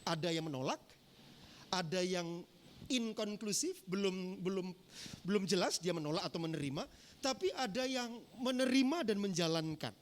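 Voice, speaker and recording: A man with a fairly high voice delivers a church sermon. He teaches in a measured, deliberate way, pausing often and reaching for words with fillers. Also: expressive. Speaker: pastor. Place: church sanctuary.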